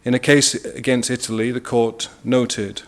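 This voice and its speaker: At a press briefing, a British man lays out a legal argument in a formal, measured manner. His mid-range pitch barely moves, and he stresses key words for emphasis.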